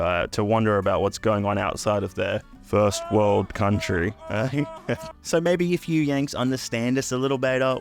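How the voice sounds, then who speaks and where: A man in his twenties, from the UK and raised in Australia, chatting in a crude, sarcastic comedic vlog. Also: on the low side. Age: 20s. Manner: crude, sarcastic, swears freely. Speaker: YouTuber.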